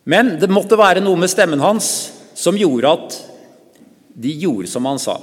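A man preaching a sermon, retelling a Bible story in a calm, measured way with pauses. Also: high voice. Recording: church with long reverb.

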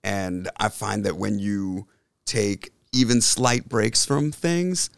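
A man with a gravelly, creaky voice at a middling pitch chats as a guest. He tells stories wryly, and the sound is dry and close. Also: takes it slowly, no room sound. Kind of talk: casual chat.

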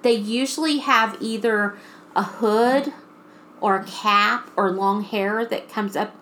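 A woman co-hosting a podcast, telling a creepy story in casual chat with drawn-out, restarting phrases. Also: mid-range voice, a bit bright, slight background noise. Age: adult mother. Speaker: podcast co-host.

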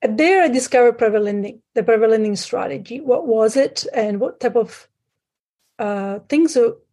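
A woman from Sicily, a guest on a call, talking through her past with many pauses and fillers. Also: fairly high pitch, warm tone. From Sicily, Italy. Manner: hesitant, many fillers, restarts. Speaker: guest, private lender. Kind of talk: conversational interview. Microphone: remote call.

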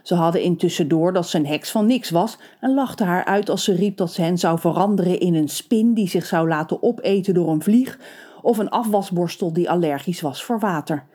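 A woman narrating a storybook tale in a playful, expressive way. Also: on the low side, brisk.

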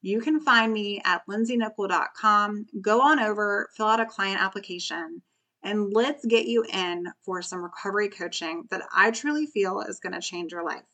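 A woman with a thin, squeaky voice hosting a solo motivational podcast, speaking earnestly and emphatically straight to the listener as a coach. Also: moderate pace, bright, forceful tone. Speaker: podcast host and recovery coach.

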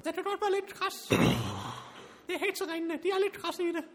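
A man's voice: very high voice, flat delivery, over music. A man playing an eccentric, cheerfully bossy wizard with sing-song, chatty patter in a comic drama. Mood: chirpy, busy. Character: eccentric male wizard brewing purple potions, cheerfully bossy. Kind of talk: comic role-play drama.

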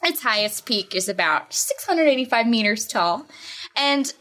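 Bright, chatty American podcast woman. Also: fairly high pitch, sing-song, moderate pace. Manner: chatty, giggly, stumbles over place names. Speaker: podcast co-host. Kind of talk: casual podcast chat.

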